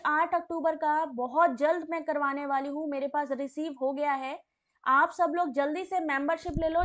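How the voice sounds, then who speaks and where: On a lo-fi recording, a woman with a high voice runs a live online exam class despite a hoarse, sore throat. She reads quiz questions and answers before turning to chat messages, talking sociably and addressing viewers by name.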